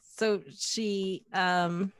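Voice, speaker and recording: A woman with a mid-pitched voice talks casually as a tabletop game player, explaining rules politely. The sound is dry and close, as on a video call. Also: steady tone, extremely slow, smooth, dry recording.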